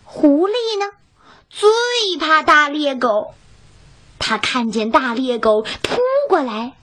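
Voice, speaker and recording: A woman narrating a children's story in a slow, expressive, sing-song way. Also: sits high.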